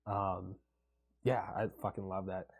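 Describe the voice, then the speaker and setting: Excitable man chatting about a movie. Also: mid-range voice, normal speed, slightly rough. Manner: excitable, swears, laughs often, quotes lines. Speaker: podcast co-host. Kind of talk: casual movie review chat.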